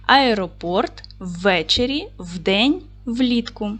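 A woman teaching a recorded video lesson to fourth graders, speaking clearly and deliberately and reciting short rhymes. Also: medium pitch, animated, a bit bright. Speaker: primary school teacher.

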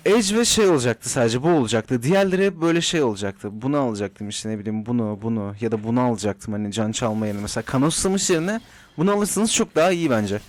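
A man's voice: mid-range voice, expressive, fast talker. A young man giving casual commentary while playing a game, chatty and teasing his opponents, talking to himself at times. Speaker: gaming YouTuber. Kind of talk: live gameplay commentary.

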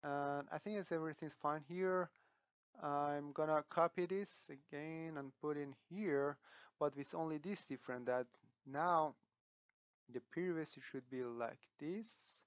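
This software walkthrough comes from a man whose voice is smooth and sits at a middle pitch. He stops on filler words and begins sentences again as he reasons out loud, in a dry, slightly dull recording without echo.

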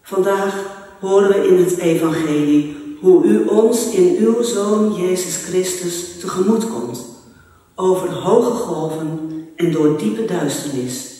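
Man praying and reading bible slow and solemn, kinda high voice, big echoey church, mic far off. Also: dark tone. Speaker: worship leader reading scripture. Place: large church.

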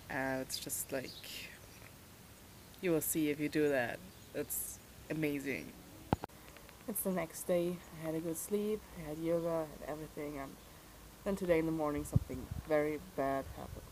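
A woman on a walking trip, talking candidly to her camera in a casual vlog, outspoken and quick to swear. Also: low-pitched, darkish tone, slight background noise, poor audio. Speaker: pilgrim vlogger.

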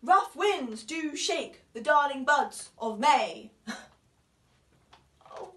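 A woman's voice: high voice, expressive, extremely slow, fairly bright tone, full character voice. A woman auditioning as a wife facing divorce who mocks her husband, sarcastic and laughing through tears, recorded from a distance in a roomy space. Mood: tearful. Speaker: drama school auditionee. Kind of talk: audition monologue. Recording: roomy, from far off.

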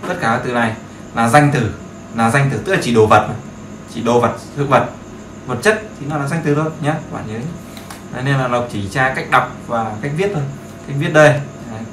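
A man's voice: mid-range voice, a bit bright. Chatty man teaching in an echoey room. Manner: chatty, repeats phrases, seeks agreement. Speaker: English teacher. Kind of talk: casual screen-share lesson. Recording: echoey room with faint background noise.

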